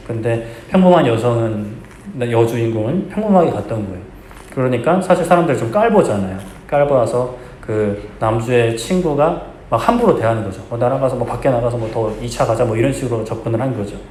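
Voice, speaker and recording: A man's voice: mid-range voice, a little mellow. A male pastor preaching a sermon in an earnest, exhorting way, with conversational asides to the congregation. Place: church sanctuary. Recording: echoey church hall, faint background hum.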